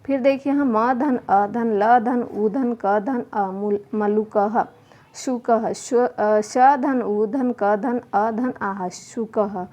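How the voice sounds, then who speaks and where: A woman teacher going slowly through a children's worksheet, spelling words letter by letter and answering her own questions. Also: fairly high pitch, fairly even intonation, mellow. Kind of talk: slow worksheet lesson for children. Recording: muffled home video with faint noise.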